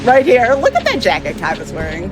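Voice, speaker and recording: A woman's voice: a little high, wildly swooping pitch, brisk. Cheery woman talking through her speedrun, voice bouncing all over, laughs a lot. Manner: chatty and upbeat, laughs often. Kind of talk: live speedrun commentary. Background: game music.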